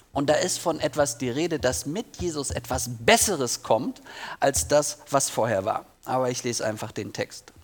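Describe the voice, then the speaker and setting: A man preaching a sermon in a church, talking earnestly and directly to the congregation, asking questions and reading a passage from the Bible. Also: mid-range voice. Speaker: pastor.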